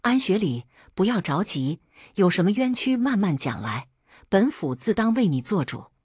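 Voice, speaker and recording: A woman's voice: medium pitch, very animated, moderate pace, a little mellow, breathy edge, no room sound, studio quality. A woman voicing a stern male magistrate who hands down judgments in a commanding, lecturing way.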